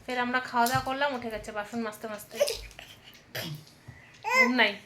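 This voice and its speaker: A young woman chatting casually in a home vlog, sometimes speaking softly. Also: on the high side, steady tone, brisk, heavy background noise. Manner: chatty, talks softly at times. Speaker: vlogger.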